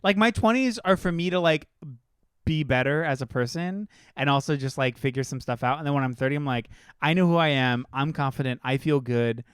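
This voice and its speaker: A woman's voice: a bass voice, fairly quick, clear, resonant tone, no room sound, clean studio sound. A woman in her twenties co-hosting a podcast, chatting casually, playful and swearing freely. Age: 20s. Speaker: podcast co-host. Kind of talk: casual chat.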